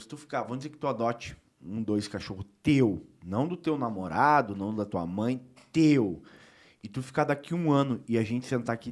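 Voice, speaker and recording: A man's voice: medium pitch, darkish tone. A man talking as a guest on a talk show, emphatic and heartfelt, loose and informal with the odd swear word. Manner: emphatic and heartfelt, with frequent filler tags. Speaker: guest politician. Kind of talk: casual talk-show conversation.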